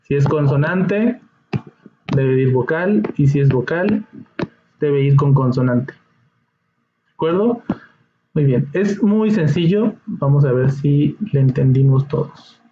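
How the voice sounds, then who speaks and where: Slow, patient male teacher in echoey room. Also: mid-range voice, lively intonation, background noise. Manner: patient, repeats each step, checks in with "¿ok?". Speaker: English teacher. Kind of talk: slow classroom explanation. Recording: dull echoey room recording.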